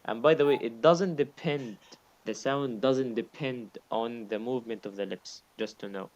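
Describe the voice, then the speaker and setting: A man's voice: medium pitch, moderate pace, a little mellow, muffled recording. A man teaching recitation in a one-on-one lesson, patiently repeating his points and sounding out examples himself.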